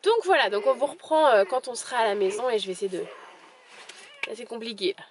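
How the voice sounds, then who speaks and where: A woman's voice: a little high, animated, brisk, a little hiss or hum. A woman vlogging in a casual, chatty way, full of fillers and little restarts. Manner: chatty, filler-heavy, lots of "voilà". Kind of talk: casual vlog chat.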